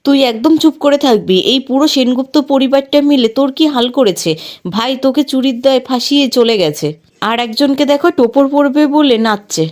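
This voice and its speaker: A woman's voice: high-pitched, normal speed, a little mellow, lightly acted. A woman reading as a scornful scolding mother. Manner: scornful, accusing. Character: scolding middle-aged mother, bitter and harsh.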